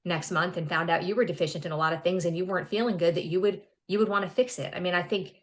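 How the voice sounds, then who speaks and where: A woman's voice: fairly low pitch, fairly even intonation, quick pace. A woman in her fifties, a podcast guest, talking earnestly and upbeat in a casual interview, often restarting words. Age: 50s.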